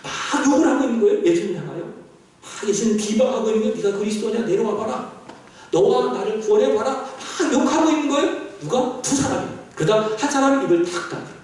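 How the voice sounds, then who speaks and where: Male pastor, high lively voice, preaching with questions to the pews; echoey church hall, mic at a distance. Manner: animated preaching, asks the congregation questions. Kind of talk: sermon. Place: church sanctuary.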